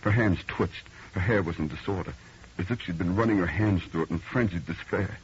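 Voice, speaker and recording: Through a muffled, faintly noisy old radio recording comes a low-pitched male voice with a breathy edge, speaking a little fast. He's an actor portraying a dazed, uneasy city dweller who tells a spooky story in an earnest, haunted way, keeping the atmosphere hushed and ominous.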